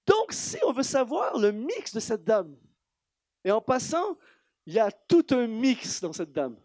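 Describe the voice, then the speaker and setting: A high-voiced man preaching with a Canadian French accent, animated and emphatic, firing off rhetorical questions at his congregation. His voice is recorded close and dry, with little room sound around it. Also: unhurried, no room sound. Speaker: guest preacher. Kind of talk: sermon. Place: church hall.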